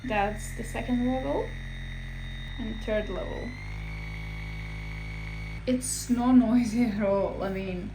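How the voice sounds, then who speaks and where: A woman's voice: a little high, slow, long pauses. Woman vlogger chatting casually in roomy, noisy audio. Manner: informal, thinking aloud. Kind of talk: casual vlog chat to camera. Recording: roomy echo, clear ambient background noise.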